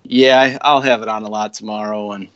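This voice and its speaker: A man with a mid-range voice chats on a podcast in a laid-back, halting way, often stopping to restart his sentences. The sound is dry, with no room echo, and dull, like lo-fi audio. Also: on the low side, steady tone, a bit bright. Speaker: podcast co-host. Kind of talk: casual podcast chat.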